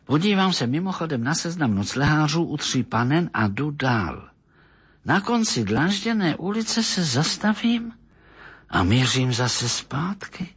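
A man voicing an excitable, irritable middle-aged police detective who talks in agitated bursts in an audiobook reading. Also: fairly high pitch, husky, pitched above the performer's own voice, exaggerated voice. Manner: agitated, exclamatory, bursts of shouting.

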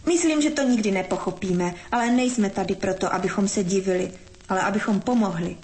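A woman voicing Winter as a brisk, self-important but kindly female spirit in a storybook reading. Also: on the high side, animated, darkish tone, close to an everyday voice.

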